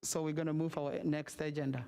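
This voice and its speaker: Man chairing a meeting, flat delivery. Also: fairly high pitch, clean tone. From Somalia. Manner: halting, searching for words. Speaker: commission chair. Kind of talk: chairing a video-call meeting.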